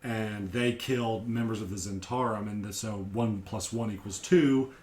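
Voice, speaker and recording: A man's voice: fairly low pitch, steady tone, a little slow, a little mellow, slight background noise. A man giving a casual recap of a tabletop game session as game master, explaining events step by step in an echoey room.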